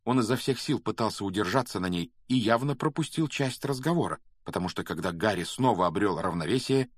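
A man reading a children's novel aloud as an audiobook narrator, steady and measured. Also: lowish voice, breathy edge, no room sound, clean studio sound. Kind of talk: scripted narration.

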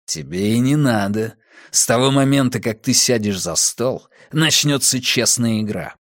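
A male reader voicing a cold, calculating young gang leader in an audiobook, giving orders in a flat, commanding way. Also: mid-range voice, unhurried, no room sound, studio quality, close to an everyday voice.

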